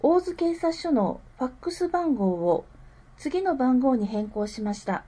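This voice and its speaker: A woman reading scripted public information aloud with careful, measured enunciation. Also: sits high, big pitch swings, mellow, breathy edge. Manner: careful enunciation, digits read out slowly one group at a time. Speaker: reader of a town newsletter.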